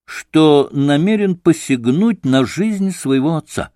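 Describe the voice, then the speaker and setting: A man reading the lines of a brisk official investigator in an audiobook, asking probing questions. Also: fairly high pitch, lively intonation, dark tone, no room sound, clean studio sound, pitched above the performer's own voice.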